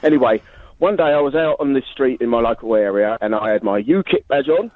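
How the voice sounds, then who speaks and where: A man's voice: medium pitch, a little fast, no echo. Stammering man telling a story by phone. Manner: storytelling, stammering, laughing at himself. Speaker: caller. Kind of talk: phone-in anecdote. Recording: dull phone line.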